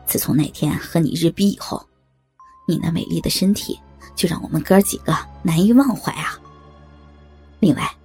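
A woman's voice: fairly low pitch, creaky, a little mellow, slightly rough, heavily acted. A woman voicing a cruel, vengeful young male thug who taunts with snickering laughs. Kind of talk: audio drama acting.

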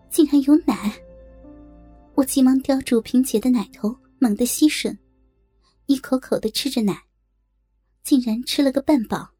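A woman reading a first-person story aloud in a steady, matter-of-fact way. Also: fairly high pitch. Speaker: audiobook narrator.

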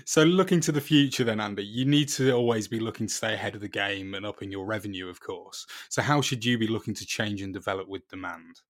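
A podcast host with a lowish male voice asks his guest questions. He builds them in long, winding sentences and often restarts a phrase. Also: quick pace, hardly any pauses. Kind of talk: interview questions.

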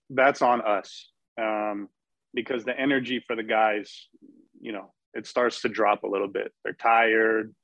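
A man acting as a performance coach on a discussion panel talks emphatically while losing his voice. His pitch is on the low side with a fairly bright tone, and the dull, dry lo-fi recording has no room sound.

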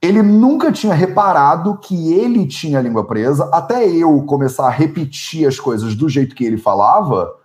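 Um homem apresentador e médico ayurvédico com sotaque brasileiro, conversando de forma animada numa entrevista e pensando em voz alta. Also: male voice, a little high, moderate pace, hardly any pauses. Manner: animated, thinks aloud with many "né?". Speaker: podcast host, Ayurvedic doctor. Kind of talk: conversational interview.

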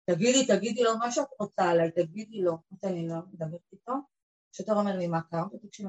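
The recording is rough, and the woman's voice is slightly rough too, as she relates an emotional personal story to a group. She brings the characters to life by acting out their words, with animated shifts in pitch and loudness.

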